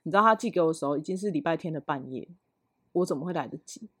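A woman with a Taiwanese Mandarin accent co-hosting a podcast. She tells a story about a coworker in a casual, animated and indignant way. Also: sits low, racing, breathy edge, no echo, clean studio sound. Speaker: podcast co-host. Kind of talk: casual chat.

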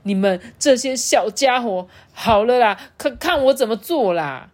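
A woman's voice: fairly high pitch, lively intonation, unhurried, pitched above the performer's own voice. A woman doing a hesitant old tyrannosaurus. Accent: Taiwanese Mandarin. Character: old male tyrannosaurus, gruff but softening.

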